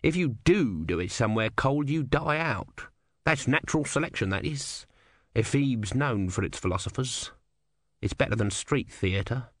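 A man's voice: medium pitch, animated, normal speed, no echo, natural voice. A man voicing a dry, sardonic male tortoise god who speaks in a knowing way.

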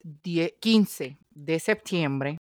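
A woman's voice: deep voice, drawn-out words, a little mellow, no echo, clean studio sound. A woman podcast host with a Puerto Rican accent chats casually in Spanglish, dropping English words into Spanish.

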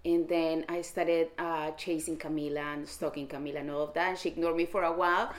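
A woman investor, a guest in a studio interview, telling her story in an animated way. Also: low-pitched, fairly quick.

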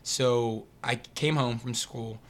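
A young man from the Pittsburgh area appears as a podcast guest, telling a story in an animated, casual style and imitating the voices of the people he quotes. His voice is mid-range and his pace slow.

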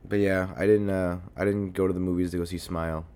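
A young man with a very deep voice, hoarse from a cold, runs his solo podcast at a quick pace in a level, slightly mellow tone. Chesty, congested, and coughing, he rambles, curses frequently, and says um a lot, recorded at home on a desk mic near a computer.

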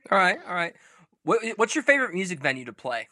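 A man hosting a casual interview, asking quick questions with enthusiastic reactions. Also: sits high, big pitch swings, sharp tone. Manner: upbeat, enthusiastic rapid-fire questions. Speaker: podcast host.

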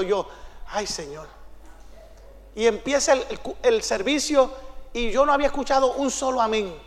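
A man preaching a lively sermon, telling stories and at times shouting praise. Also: very high voice. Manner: storytelling, swings into shouts and song. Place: church. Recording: long reverb of a church hall.

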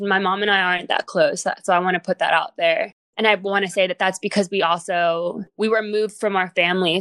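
A woman's voice: mid-range voice, fairly bright tone, dry recording. Earnest young woman from Guatemala. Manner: reflective, earnest, with many fillers and restarts. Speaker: guest. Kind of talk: casual interview talk.

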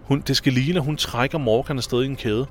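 A man co-hosting a casual podcast, retelling a TV episode in a lively way with frequent restarts and filler words. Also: medium pitch, faint music behind. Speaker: podcast host recapping a TV episode. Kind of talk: casual chat.

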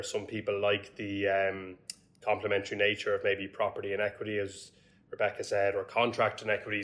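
A young man with an Irish accent giving conversational advice as a podcast guest, measured and repeating words as he thinks. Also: on the low side, a bit bright. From Dublin, Ireland.

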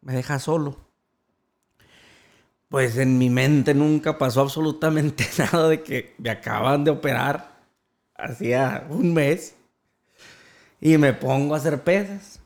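Male guest, gravelly tone, earnest emotional storyteller. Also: mid-range voice, unhurried, long pauses, darkish tone. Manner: earnest, emotional retelling with quoted voices. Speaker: interview guest. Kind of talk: personal storytelling in an interview.

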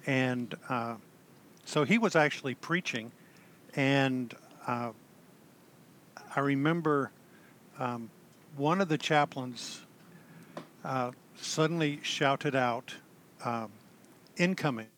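An older man, a retired army chaplain, telling his story in a halting, self-deprecating way with dry humor. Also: mid-range voice, fairly bright tone, slight background noise. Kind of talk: conversational storytelling.

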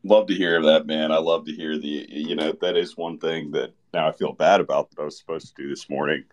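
A man hosting a casual live audio chat from a festival, relaxed and rambling. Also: very deep voice, brisk. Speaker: host. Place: festival event in Austin.

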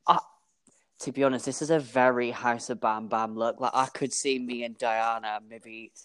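A man's voice: mid-range voice, steady tone, moderate pace, a bit bright, clean tone. Sassy Scottish drag queen guest. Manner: sassy, playful, enthusiastic. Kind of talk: casual chat.

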